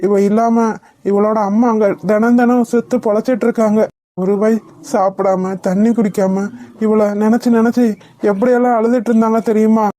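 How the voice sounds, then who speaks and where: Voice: medium pitch, steady tone, fairly quick, dark tone, dry recording, lightly acted. A voice actor playing a grateful, protective young man in a cartoon, speaking with earnest feeling. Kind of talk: cartoon voice acting.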